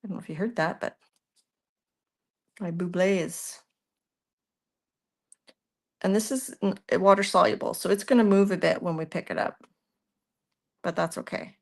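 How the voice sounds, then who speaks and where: Running a live art demo, a Canadian-accented woman speaks in a fairly low, gravelly voice with fairly even intonation, moderate speed and long pauses. She describes what she's doing, responds to viewers' questions and muses aloud. Her sentences frequently trail away unfinished.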